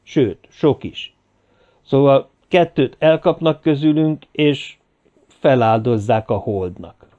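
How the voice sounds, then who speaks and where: A man's voice: medium pitch, natural voice. Guy doing a grim tired leader, firm, kinda dull lo-fi audio. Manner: firm, weary. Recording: dull lo-fi recording.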